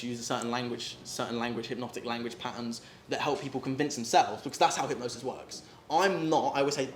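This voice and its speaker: Male stage hypnotist, brisk and insistent, repetitive suggestions, recorded in an echoey room. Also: medium pitch. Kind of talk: live group hypnosis demonstration, repetitive suggestion. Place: echoey room before a live group. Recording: echoey room, some background noise.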